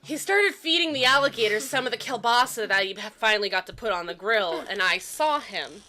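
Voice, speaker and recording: A young woman casually telling a childhood story among friends, animated and quick to laugh. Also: medium pitch, a little hiss or hum. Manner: animated, laughs often, acts out quoted lines. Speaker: storyteller in a gaming chat.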